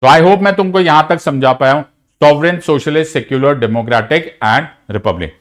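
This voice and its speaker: A man's voice: fairly high pitch, takes it slowly. A man with an Indian accent teaching an online exam-prep lecture. He mixes Hindi and English, asks questions and answers them himself, and talks to students in a frank, scolding and then encouraging way.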